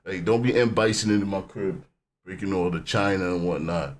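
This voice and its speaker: A man hosts a casual music reaction video with a rambling, animated delivery. His voice sits on the low side, and a faint hiss runs under it. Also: brisk.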